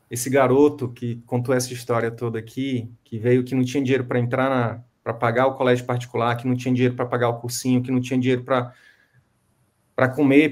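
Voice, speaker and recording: A man mentoring a client in an online coaching consultation, speaking emphatically and repeating key phrases to drive his point home. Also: mid-range voice. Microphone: video call.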